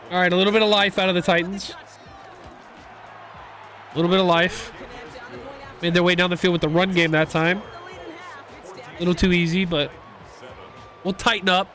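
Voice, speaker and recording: Big plays in a football video game set off loud reactions from this young gaming YouTuber. His high-voiced commentary is casual, excitable and rambling.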